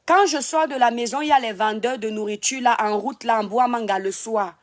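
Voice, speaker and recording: A woman with a Cameroonian French accent talks to her live-stream viewers from home, her voice sitting a little high. She scolds and teases a critic, laughing as she goes, in loose casual talk. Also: fairly quick. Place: home in Europe.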